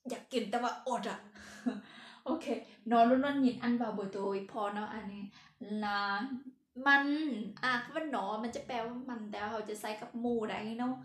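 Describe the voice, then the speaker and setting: A woman's voice: on the high side, moderate pace, fairly bright tone, roomy sound. Chatty woman teacher with a Lao accent. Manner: chatty, laughs at her own slips. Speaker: language teacher. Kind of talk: casual language lesson.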